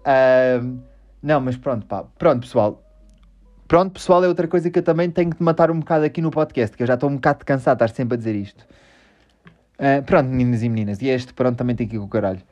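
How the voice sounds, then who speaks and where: A man's voice: medium pitch, quick pace, darkish tone, muffled recording, soft background music. A man with a European Portuguese accent hosting a casual podcast, rambling, joking at his own expense and swearing a lot. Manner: rambling, self-mocking, swears often. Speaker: podcast host.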